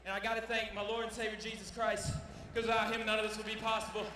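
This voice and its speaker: A man's voice: sits high, little pitch movement, fast talker, background noise. A man, a fighter, giving a brash, boastful post-fight promo into a handheld mic in an arena. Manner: brash, boastful, shouting over the crowd. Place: convention center arena. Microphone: handheld interview mic. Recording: echoey arena hall from far off.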